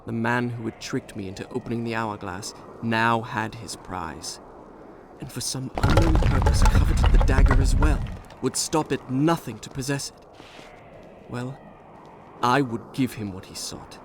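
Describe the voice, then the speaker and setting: A man's voice: mid-range voice, measured pace, slight background noise, lightly acted. An actor playing a young, proud, remorseful Persian prince who tells his story in a formal, theatrical way, as dramatic video game narration. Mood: bitter resolve. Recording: music behind the voice.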